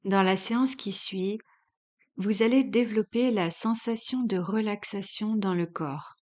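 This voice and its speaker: A woman with a mid-pitched voice guides a relaxation session as a yoga instructor. She speaks very slowly and calmly, leaving long pauses between measured instructions.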